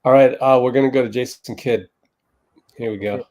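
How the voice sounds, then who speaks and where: A man hosts a casual livestream chat, talking offhandedly while juggling other tasks. His voice is medium in pitch and somewhat dark in tone, with fairly even intonation and a fairly quick pace.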